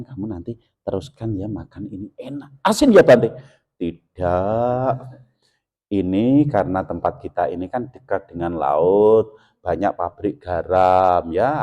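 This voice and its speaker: A man giving a dharma sermon as a Buddhist monk, telling homely stories and acting out little dialogues between people. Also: mellow. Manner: folksy, acts out little dialogues, shifts into high mock-scolding voices.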